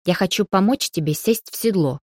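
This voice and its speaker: A fussy young man pressing his help on someone, read by a woman in an audiobook. He comes out a little raised and louder, with an insistent, pushy edge. The sound is close and dry. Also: medium pitch, animated, fairly quick, no echo, close to an everyday voice. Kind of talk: audiobook character reading.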